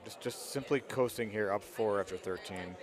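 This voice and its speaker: Man doing low-key golf commentary. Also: normal speed, a faint crowd. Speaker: golf video game tournament commentator. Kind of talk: casual live golf commentary.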